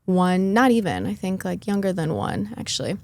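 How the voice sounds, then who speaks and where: A woman's voice: medium pitch, big pitch swings, normal speed, darkish tone, no echo. A young adult woman, born in Lithuania and raised in Chicago, telling her personal story as a podcast guest, earnest and chatty with many fillers.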